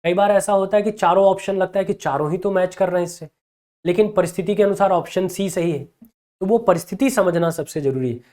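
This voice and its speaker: A man's voice: sits high, brisk, warm tone. A male teacher with a Hindi accent gives exam advice to students in an encouraging tone. He keeps checking in with them through a repeated "theek hai na". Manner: encouraging, repeats "ठीक है ना" often.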